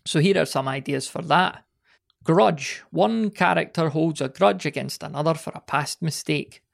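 A man's voice: a little high, normal speed, vocal fry. A man hosting a solo podcast, talking casually with rambling asides and wry jokes. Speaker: podcast host.

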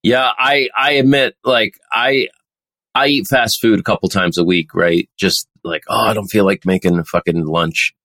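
Male podcast co-host, low voice, dry close sound, joking and casual with finance news. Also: steady tone, normal speed, fairly bright tone, dry recording. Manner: joking, swears, laughs often, reads quotes aloud.

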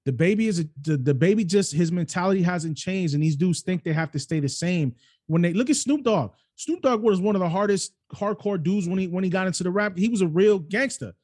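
His voice sits high and his delivery is brisk as he hosts a casual interview podcast. The middle-aged man, shaped by New York City and Cleveland, Ohio, tells stories with emphasis and lots of energy.

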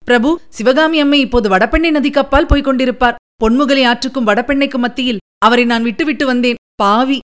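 An earnest, anxious royal spy, loyal to his king, recounts a long tale in a steady, careful telling. A woman reads him in a storybook voice that sits slightly high. Her delivery stays measured and serious throughout. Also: natural voice. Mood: sorrowful.

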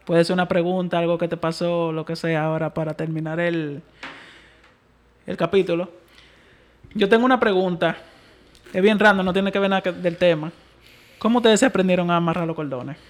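High-voiced Dominican man hosting casually. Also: steady tone, brisk, pauses often. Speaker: podcast host. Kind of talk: casual group chat.

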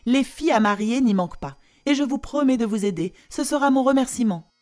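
A woman voicing a loud, bossy, plump queen from a storybook, exclaiming and scolding in a shrill voice. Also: lively intonation, brisk, faint music behind, lightly acted.

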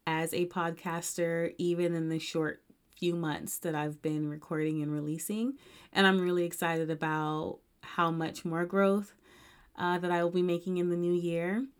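A young woman hosts her own podcast in a relaxed, reflective way. She often pauses on "um" between thoughts. Her voice sits a little low. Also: smooth. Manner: reflective, with frequent ums. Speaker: podcast host. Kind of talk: casual podcast talk.

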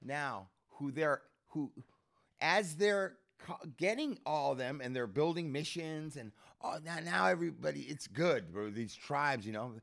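A man's voice: a little high, expressive, unhurried, gravelly, fairly bright tone. A man chatting casually and retelling stories with enthusiasm, repeating himself and peppering his talk with bro and dude. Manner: slangy, says bro and dude often, enthusiastic, repetitive. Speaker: podcast co-host. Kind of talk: casual chat, retelling a story.

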